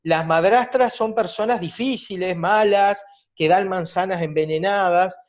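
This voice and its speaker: A man's voice: high-pitched, unhurried. Uruguayan man lecturing over a dull call. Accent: Uruguayan Spanish. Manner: reflective, explanatory, rhetorical tag questions. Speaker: psychologist lecturer. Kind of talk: virtual conference talk. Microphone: video call. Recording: dull lo-fi video call audio.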